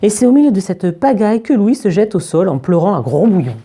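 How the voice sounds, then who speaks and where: A young woman reads a children's story aloud with an expressive, lively lilt and a mellow, soft tone. She keeps slipping into fits of giggling as she goes. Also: mid-range voice, a little fast, a little hiss or hum. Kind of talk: reading a children's book aloud.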